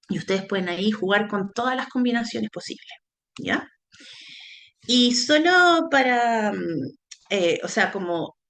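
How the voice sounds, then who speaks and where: A woman's voice: medium pitch, vocal fry, a bit bright. A woman lecturer explaining early childhood language teaching in a workshop, often checking in with her listeners as she goes. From Chile. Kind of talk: recorded teacher-training workshop talk.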